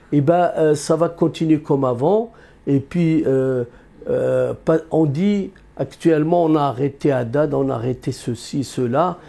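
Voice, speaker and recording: A high-leaning, mellow male voice belongs to an economist interviewed without a script. Raised in Algeria with Berber roots, he sounds earnest and halting, with plenty of fillers and restarts.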